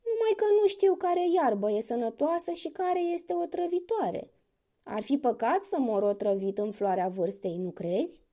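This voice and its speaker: Sly weepy crocodile guy done by a woman, big wailing swoops up high, mellow tone. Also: very animated. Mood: whining. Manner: wailing, theatrical lament. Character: sly weeping male crocodile, fake remorse.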